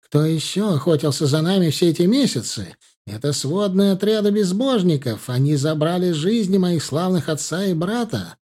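A man's voice: high-pitched, expressive, moderate pace, a little mellow, pitched above the performer's own voice. Male narrator putting on a defiant young leader, raised and proud, audiobook style. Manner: proud, rousing.

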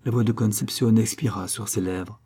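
A man giving a measured, dramatic narration of a classic novel. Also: on the low side, steady tone, mellow, slightly rough. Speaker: audiobook narrator. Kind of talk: scripted narration.

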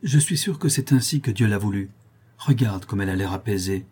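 A man voicing a gentle, consoling young man. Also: lowish voice, a little fast, slightly rough. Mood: tender. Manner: soft, consoling. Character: gentle young man comforting a grieving friend.

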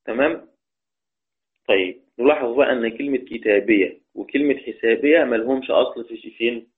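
Egyptian sheikh teaching over tinny audio. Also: male voice, medium pitch, a little fast. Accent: Egyptian Arabic. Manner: repeats key words, asks students questions. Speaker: Quran recitation teacher. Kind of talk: explanatory lesson.

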